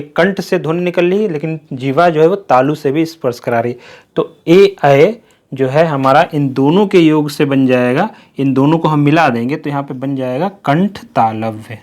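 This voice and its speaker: A male Hindi grammar teacher with a somewhat high-pitched voice. He walks through the lesson slowly, drills each point by repeating it, and poses questions that he answers himself. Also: a little mellow. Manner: slow, repetitive explaining with questions to the class. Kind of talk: classroom-style lesson.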